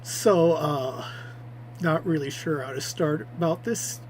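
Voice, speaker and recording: A slightly high-voiced man talks into a livestream microphone, rambling and self-deprecating with nervous energy. A faint hum sits under his voice. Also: takes it slowly. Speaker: VTuber streamer. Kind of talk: debut livestream self-introduction. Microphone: streaming microphone.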